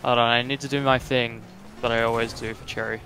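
While streaming a game with a friend, a man chats casually at medium pitch and a slightly fast pace. He's relaxed and rambles a bit, using fillers, with faint music behind him.

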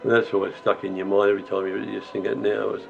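A man's voice: on the low side, little pitch movement, fast, gravelly, highs cut off, over music. A man reflecting on a cherished hymn.

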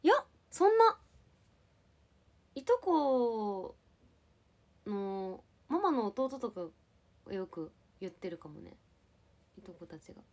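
A woman's voice: medium pitch, very animated, slow, long pauses, dark tone. A young woman from Japan casually chatting with viewers on a livestream, playful and giggly as she answers comments. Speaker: live streamer.

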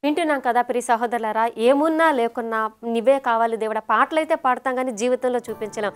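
Female Bible study host, high-pitched, slow and measured reader. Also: clean tone, faint music behind. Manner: slow, measured scripture reading and short affirmations.

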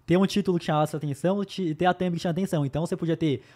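A man's voice: fairly high pitch, steady tone, rapid-fire, warm tone. A young man with a Brazilian accent co-hosting a podcast, explaining things in a matter-of-fact casual chat. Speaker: podcast co-host.

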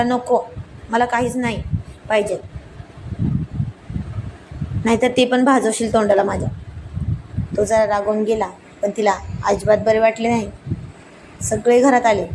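Woman reading a story, noisy recording. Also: a little high. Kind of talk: reading a romantic family story aloud.

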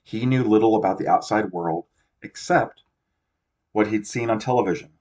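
A man with a fairly low, slightly mellow voice reads a novel aloud at a normal speed as amateur audiobook narration. He often stumbles and corrects himself, and the recording is dull and lo-fi.

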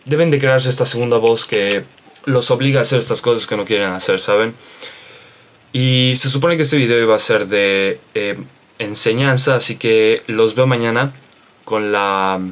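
A man's voice: medium pitch, normal speed. A young man talking casually to his camera in a vlog, rambling and chatty with many asides and fillers. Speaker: vlogger.

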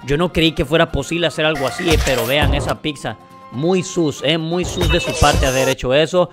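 A man reacting to a video game in casual, excitable commentary that he talks straight to his viewers. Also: a little high, a little fast, music in the background. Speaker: gaming video creator.

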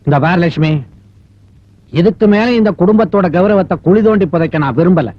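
An actor playing a calm older father-in-law with a soothing, measured way of talking, in a film drama. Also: high-pitched, no echo, dull audio. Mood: weary.

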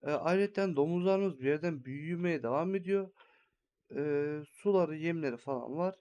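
Young man, gaming channel host, mellow voice, slightly high, rambling think-aloud commentary. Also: normal speed. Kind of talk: casual game commentary.

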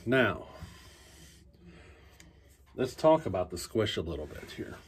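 Very animated yet slow-paced, a lowish male voice explains chainsaw work in a basement workshop, with slight background noise. The man, in his forties, chats easily to a close phone camera, thinking aloud with fillers and restarts.

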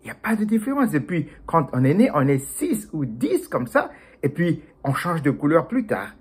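A man voicing a small, gentle young mouse in a storybook, with a husky voice. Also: fairly high pitch, sing-song, normal speed, pitched above the performer's own voice, heavily acted. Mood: earnest.

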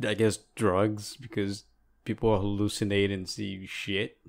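A man's voice: on the low side, level tone, unhurried, vocal fry. Laid-back podcast man. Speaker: podcast co-host. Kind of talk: casual chat.

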